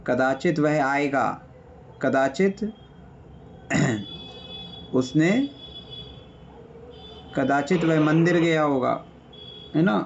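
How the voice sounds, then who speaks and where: A man's voice: fairly high pitch, very slow, long pauses, dull audio, slight background noise. A man teaching an online grammar class, patiently explaining and listing word meanings, often checking in with his students. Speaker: Sanskrit teacher. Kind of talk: online class revision lecture.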